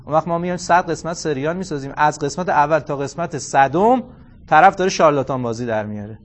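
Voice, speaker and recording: A man in his forties delivers a religious lecture in a fairly high voice. He is animated, tells stories, and acts out bits of dialogue. He recites quotations in Arabic. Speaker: cleric lecturer.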